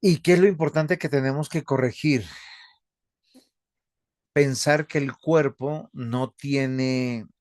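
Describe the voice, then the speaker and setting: A man's voice: medium pitch, a little mellow, no room sound, clean studio sound. Earnest male pastor lecturing. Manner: measured, earnest, addresses students as brothers. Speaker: pastor teaching a seminary class. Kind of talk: online theology lecture with class discussion.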